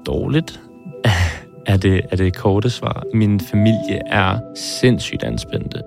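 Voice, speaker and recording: A man in his twenties, speaking hesitantly and thoughtfully in an interview, often pausing and restarting. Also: low voice, lively intonation, vocal fry, music in the background. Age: 20s. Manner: hesitant, pauses and restarts, searching for words. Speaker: film director interviewed about his heart surgery. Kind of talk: reflective interview.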